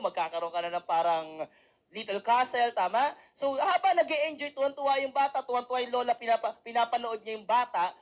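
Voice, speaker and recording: A woman giving a motivational seminar talk, telling a story and constantly asking the audience for responses. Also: fairly high pitch. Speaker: motivational speaker.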